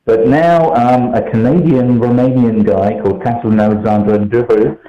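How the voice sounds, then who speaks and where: A man's voice: medium pitch, normal speed. A man calling in to a radio show over a poor, robotic-sounding headset line from a co-working space, explaining in an easygoing, meandering way. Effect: warbly, robotic-sounding call over a poor line, like a headset link. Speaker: regular tech contributor calling in. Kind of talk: casual radio phone interview. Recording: echoey, dull lo-fi call line.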